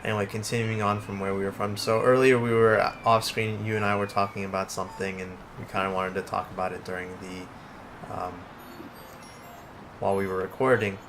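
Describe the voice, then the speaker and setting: A man's voice: fairly low pitch, level tone, brisk, background noise. A man co-hosting a let's play, chatting casually about the game. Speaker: gaming show co-host.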